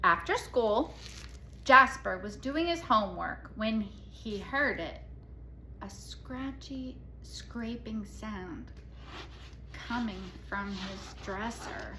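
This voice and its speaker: A woman reading a children's picture book aloud as a storyteller, expressively and dramatically, with pauses. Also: mid-range voice, expressive. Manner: dramatic, with hushed asides and pauses. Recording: echoey room with faint noise.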